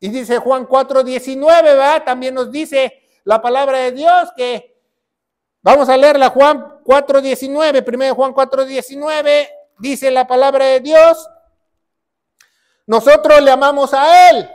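High-pitched pastor guy preaching, asks and answers himself, gets shouty. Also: fairly even intonation, a little slow, clear, resonant tone. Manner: emphatic, repeats key phrases, rises to shouts. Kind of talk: sermon.

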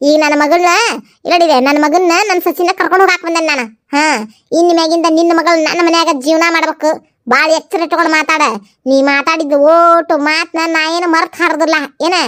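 A woman voicing a fierce, rough-spoken village mother in a comedy skit, with a North Karnataka Kannada accent. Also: very high-pitched, fairly even intonation, fairly quick, fairly bright tone, no room sound, studio quality. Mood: scolding. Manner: gruff, accusing, rough-spoken.

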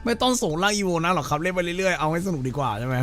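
A man's voice: a little high, lively intonation, racing, fairly bright tone. A man streaming a game, joking crudely and putting on silly voices for the characters. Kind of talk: let's-play commentary.

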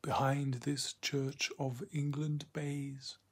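Slow, husky man reciting a poem. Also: medium pitch, little pitch movement. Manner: hushed, half-whispered delivery; slow, deliberate phrasing with long pauses. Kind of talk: poetry recitation.

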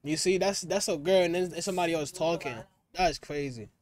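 A brash, slangy man in his 20s hosts Omegle video chats, bantering casually with strangers and teasing them through a headset. His voice is fairly high-pitched and brisk. He sits in a small, dim room lit with colored lights.

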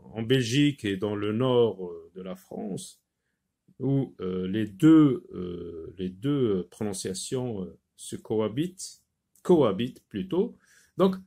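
Slow, hesitant man teaching French sounds. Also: mid-range voice, mellow. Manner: slow, repeats words, many filler hesitations. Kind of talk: slow phonics lesson.

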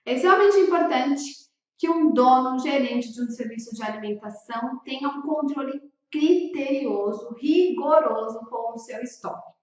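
Here a Brazilian woman in her thirties, with a high voice, works as a food-service consultant and video host, addressing restaurant owners in an instructional vlog. Talking to camera, she is emphatic and didactic and often asks rhetorical questions. A large mic with a pop filter sits in front of her in a small bookshelf-lined room, but the echo leaves the recording distant and slightly dull.

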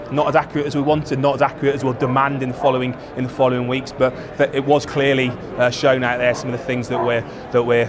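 Flat-voiced rugby coach, crowd behind. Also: male voice, medium pitch. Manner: flat, repetitive, restarts phrases. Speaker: forwards coach. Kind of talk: post-match interview. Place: outdoor rugby stadium stand. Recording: outdoor stadium with crowd noise. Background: crowd murmur.

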